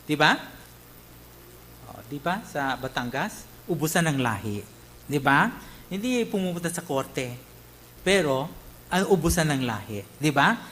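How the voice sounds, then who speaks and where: A man from the Philippines, a pastor, preaching in an animated way, mixing in English and asking his listeners questions as he goes. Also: fairly high pitch, a little slow, long pauses, slight background noise, rough recording. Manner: animated, mixes English, tag questions, acts out quotes. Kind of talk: Tagalog sermon.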